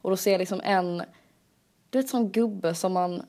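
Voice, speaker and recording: A young woman co-hosts a casual podcast, telling a long story with plenty of filler words. Her voice sits at a middle pitch, and she talks easily between pauses. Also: mellow. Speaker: podcast co-host.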